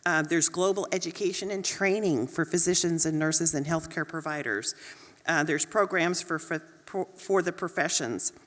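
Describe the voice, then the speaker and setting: A nursing dean with a Texas accent speaks on a panel, earnest, encouraging and conversational. Her low-pitched voice is a bit bright at normal speed, and the sound carries a long hall reverb.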